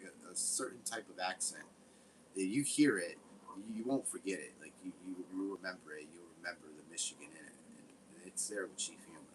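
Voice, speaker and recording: A man's voice: sits low, fairly bright tone, slight background noise, rough recording. A man giving casual, rambling gameplay commentary, swearing often. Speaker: game streamer.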